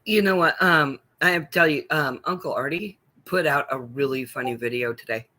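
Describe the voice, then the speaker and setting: A man's voice: on the high side, normal speed, pushed and bright. A man hosting a live stream in casual chat, hesitant and full of fillers.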